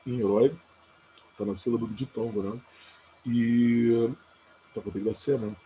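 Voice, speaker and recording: A man's voice: medium pitch, fairly even intonation, moderate pace, dark tone, highs cut off, a little hiss or hum. A man teaching a recorded exam-prep lesson, casually talking through each answer and checking in with his students. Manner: casual, talks through answers aloud with frequent "né?" and "beleza?".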